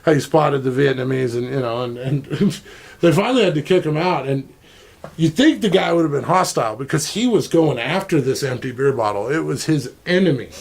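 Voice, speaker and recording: A man's voice: fairly high pitch, expressive, a little fast, creaky, darkish tone, rough recording. A man chatting as a podcast guest from Denver, telling rambling, jokey stories and slipping into silly voices. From Denver, Colorado. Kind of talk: casual storytelling chat.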